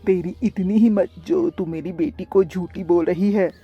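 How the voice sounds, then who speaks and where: A woman voicing a harsh middle-aged stepmother bird in a cartoon, scolding in a lowered voice. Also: normal speed, breathy edge, lo-fi sound, soft background music.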